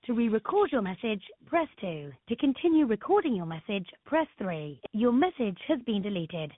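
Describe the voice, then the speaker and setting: A woman's recorded voicemail announcement giving measured, scripted instructions, heard over a landline phone. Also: a little high, very animated, no room sound. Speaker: automated voicemail prompt. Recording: tinny narrowband phone line, dry.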